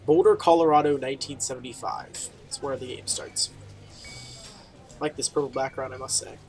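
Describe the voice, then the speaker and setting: A man with a medium-pitched, darkish voice narrates a video game playthrough at a moderate pace, rambling casually, reading dialogue aloud, and tossing in wry asides. The recording is rough, with game music behind.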